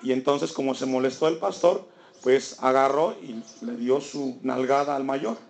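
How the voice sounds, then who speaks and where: A man's voice: medium pitch, moderate pace, gravelly, a little mellow. A man preaching a sermon, asking the congregation rhetorical questions and building his emphasis. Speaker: pastor.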